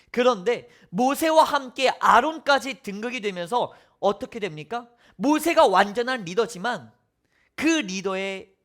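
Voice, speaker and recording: Animated preacher with lively pitch. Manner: animated storytelling, rhetorical questions, drops to whispers. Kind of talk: sermon.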